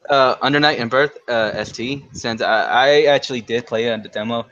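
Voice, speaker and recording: A man in a casual gaming podcast, excitable and swearing freely. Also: mid-range voice, a little fast, muffled recording.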